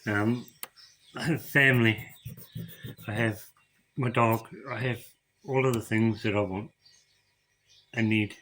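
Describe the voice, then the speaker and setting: A middle-aged man telling his own story to camera, emotional and tearful, halting and repeating words as he goes. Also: on the low side, steady tone, fairly bright tone, slight background noise. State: crying. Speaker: vlogger.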